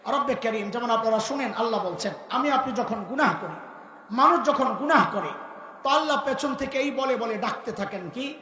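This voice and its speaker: A fervent male preacher, firing questions at a large crowd and urging them to answer. His voice sits very high and sharp. It rings out with a long, roomy reverb. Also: lively intonation, moderate pace. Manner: fervent, quizzes the crowd in call-and-response. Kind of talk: impassioned sermon. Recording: echoey hall with long reverb.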